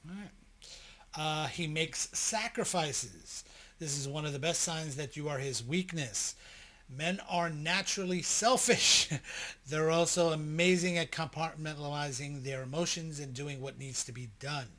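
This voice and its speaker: A man's voice: fairly high pitch, a little slow, pushed and bright. A middle-aged man co-hosting a couple's podcast, reading list points aloud and adding blunt jokes. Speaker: podcast co-host. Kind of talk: casual couple chat.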